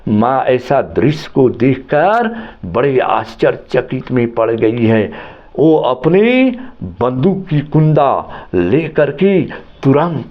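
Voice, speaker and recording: A man's voice: medium pitch, sing-song, takes it slowly, muffled recording. A man who, as a teacher, retells a story for a lesson in a dramatic, repetitive way.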